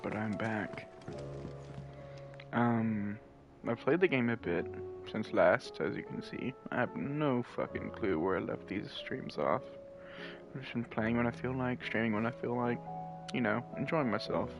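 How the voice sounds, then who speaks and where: Man, laid-back late-night streamer, rambling, profane, close mic, gravelly, game music behind. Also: mid-range voice, moderate pace. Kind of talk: casual live game commentary. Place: home at night. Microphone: close desk mic.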